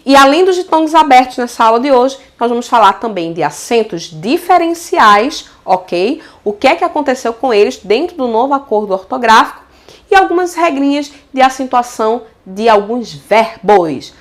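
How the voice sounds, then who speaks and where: Brazilian lady teaching grammar on video, high pitched, stretches out the example words. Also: normal speed. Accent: Brazilian Portuguese. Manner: lively and affectionate, checks in with frequent "tá certo?". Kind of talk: casual video lesson.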